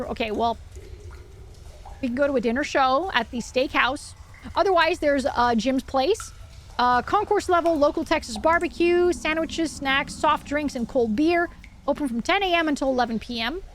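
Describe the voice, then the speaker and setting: A woman livestreamer chatting casually and reading aloud with asides, in a cute, bubbly, enthusiastic anime-streamer manner. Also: high-pitched. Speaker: horror livestreamer. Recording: clear background noise.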